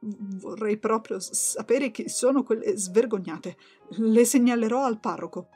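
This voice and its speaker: A woman's voice: a little high, a little slow, mellow, breathy edge, soft background music. A woman voicing a prudish, indignant viscountess who speaks with vehemence and stammers with outrage. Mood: scandalized. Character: indignant prudish middle-aged viscountess, scandalized gossip.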